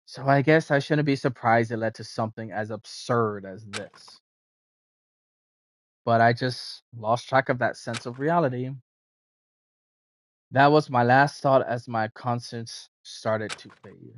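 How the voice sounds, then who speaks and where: A man's voice: medium pitch, measured pace, pauses often, no echo. A man streaming a game, casually commenting and reading aloud as he plays. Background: faint game music.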